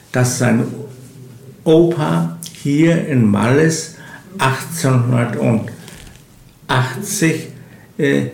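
An older retired man from eastern Germany telling of his work in an interview, haltingly, searching for words. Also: medium pitch, vocal fry, a little mellow. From village in eastern Germany. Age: 60s or older, retired. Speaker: local village chronicler, interview guest. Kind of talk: unhurried interview storytelling. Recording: roomy, echoing interview recording.

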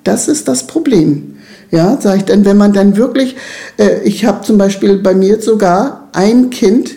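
A middle-aged woman with a gravelly, mellow voice speaks in an earnest, emphatic way. She is being interviewed about her work with children and keeps checking that her listener agrees. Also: mid-range voice, a little slow. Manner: earnest, emphatic, often asks "ne?". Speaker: children's club leader. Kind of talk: interview conversation.

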